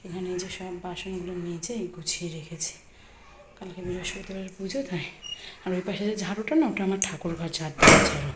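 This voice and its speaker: A woman's voice: lowish voice, fairly even intonation, fast. A woman, chatting casually as she walks viewers through her household chores in a home vlog. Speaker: home vlogger. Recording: phone recording with noticeable background noise.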